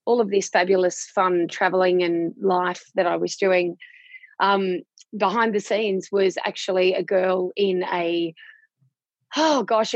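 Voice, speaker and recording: Australian woman, 40s, interview guest, candid and chatty, low husky tone. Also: no echo. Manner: frank and chatty, with casual Aussie slang.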